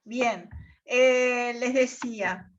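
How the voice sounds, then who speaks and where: A woman's voice: fairly high pitch, drawn-out words. A woman teacher, patiently explaining over a video call and checking with "¿tá?". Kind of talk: online class explanation. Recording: dull lo-fi video call audio.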